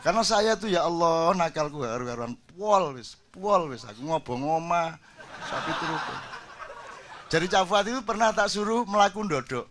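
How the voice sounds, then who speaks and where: A man's voice: on the high side, animated, normal speed, a bit bright. An older man, telling jokey stories in a casual sermon to a gathering. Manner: jokey storytelling, switches into Javanese. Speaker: preacher.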